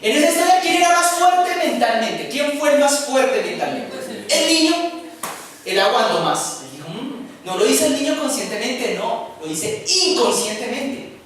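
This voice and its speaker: Lively preacher in an echoey hall. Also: male voice, extremely high pitch, normal speed, a little hiss or hum. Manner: lively storytelling, acting out scenes with questions to the audience. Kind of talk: sermon. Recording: echoey room, speaker far from mic.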